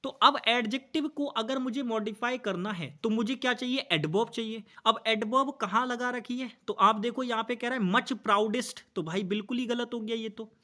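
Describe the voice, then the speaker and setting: A young man teaching an exam-prep English grammar lesson, explaining patiently, asking students questions and reading example sentences slowly. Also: very high-pitched, sharp tone. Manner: explains patiently, asks students questions, calls them bhai and bhaiya.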